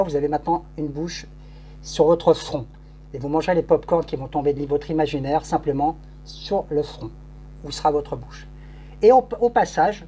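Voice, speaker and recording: In a noisy live recording with hum, a stage hypnotist delivers repetitive, commanding suggestions between bursts of shushing. He has a slightly high voice with a dark tone.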